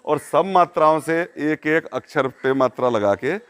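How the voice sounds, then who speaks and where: A man teaching a class, with a voice that sits a little above the usual male pitch. He stops often to quiz the students and chants syllables one after another for them to follow. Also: measured pace, fairly bright tone, clear, resonant tone. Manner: asks the class questions and drills syllables aloud. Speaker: Hindi teacher. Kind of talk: classroom lesson.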